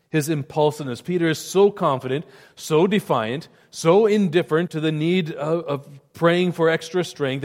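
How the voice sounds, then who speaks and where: A man's voice: a little high, a little mellow. Earnest male preacher in a reverberant hall. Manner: earnest, emphatic preaching with repeated words. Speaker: pastor. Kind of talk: sermon.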